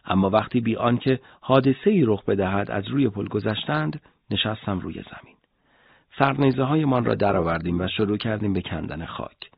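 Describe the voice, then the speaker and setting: Gravelly male audiobook narrator. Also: fairly low pitch, no room sound. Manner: measured, steady storytelling. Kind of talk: first-person audiobook narration. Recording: dull lo-fi audiobook recording.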